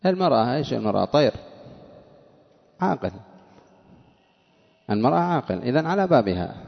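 A man teaching classical Arabic grammar slowly and deliberately. He asks questions and answers them himself, and he chants the verses he quotes. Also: mid-range voice, sing-song, vocal fry, big-room sound, highs cut off.

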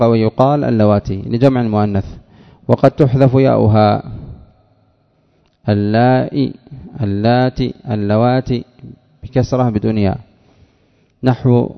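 A man with a gravelly, creaky voice gives a measured grammar lesson and repeats key phrases to his students. His voice carries a long hall reverb, and the recording sounds dull and lo-fi. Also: mid-range voice. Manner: measured, repeats phrases to drive points home. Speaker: teacher. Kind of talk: grammar lesson explaining a text.

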